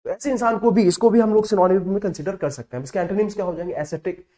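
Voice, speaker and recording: A man teaching vocabulary in a slightly high, mellow voice. He explains slowly and keeps asking "right?" and "correct?" to check that his students follow. The sound comes from an echoey room. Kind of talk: Hindi-English online lesson.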